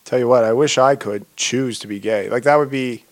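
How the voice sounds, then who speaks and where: A man's voice: mid-range voice, fairly quick. Joking, rambling comedian guy. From Windsor, Canada. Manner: joking, rambling, trails off mid-sentence. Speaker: comedian podcast co-host. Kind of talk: casual chat.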